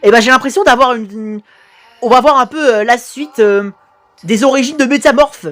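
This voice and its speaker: A woman talking as an excited anime fan in a casual, sweary reaction commentary, gushing with slangy exclamations. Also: on the high side, normal speed, soft background music. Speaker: reaction video host.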